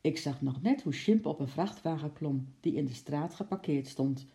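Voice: medium pitch, moderate pace, vocal fry, warm tone, natural voice. A reader voicing a flustered, stout male zookeeper in a storybook reading, stammering and out of breath, then gloomy.

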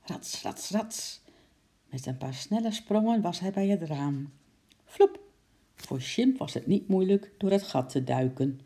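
Storyteller reading a kids' book, lively, mellow dark tone, a bit breathy. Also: medium pitch, normal speed. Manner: lively, expressive with sound effects. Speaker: narrator.

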